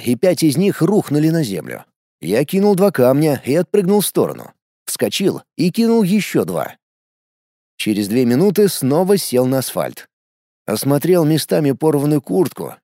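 A man reads a first-person adventure audiobook in a lively, animated way, his pitch moving a lot. His tone is dark and mellow, somewhat higher than most men's. The close recording is dry, with no room sound. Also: no echo. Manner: lively storytelling with shouted character lines. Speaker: audiobook narrator.

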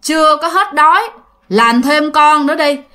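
Woman putting on a gruff, ravenous male ghost. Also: normal speed, pushed and bright. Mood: menacing. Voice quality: gruff, booming. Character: ravenous male drowned ghost possessing a boy.

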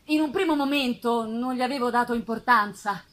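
Her voice is a little high, close to an everyday register, as she gravely recounts the words of a bitter, eloquent, lonely creature who loathes himself, a male role in a live dramatic literary reading. She moves through solemn, measured lines, rising in emphatic swells and sinking to hushed drops, captured live at a festival with faint noise.

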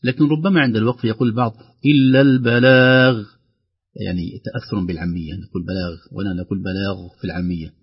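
A man teaching Quran recitation on a radio lesson, explaining calmly and slowly chanting verse examples. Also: low voice, breathy edge, muffled recording.

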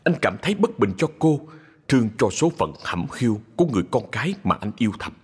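A man narrating a ghost story in a dramatic scripted style, slowing for suspense. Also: mid-range voice, big pitch swings, a little mellow. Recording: husky voice in long reverb with music.

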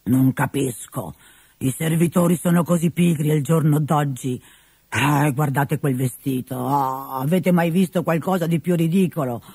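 A man's voice: on the high side, fairly even intonation, a little slow, breathy edge, dry recording. A man doing a whiny, miserly old grouch. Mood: complaining. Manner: whining and scolding, sometimes shouting.

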